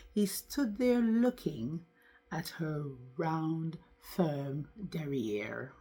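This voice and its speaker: A woman tells a storytime tale slowly and deliberately, with a husky voice. Her voice sits low, and she adds brief asides to the listener. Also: warm tone. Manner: slow, deliberate narration with asides. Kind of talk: storytime narration.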